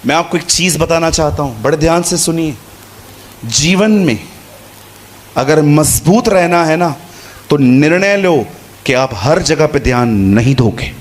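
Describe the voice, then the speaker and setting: A fairly high-pitched, animated man speaks a little slowly over a faint hiss or hum. He's preaching a conversational Hindi sermon to a congregation, repeating phrases and voicing quoted dialogue.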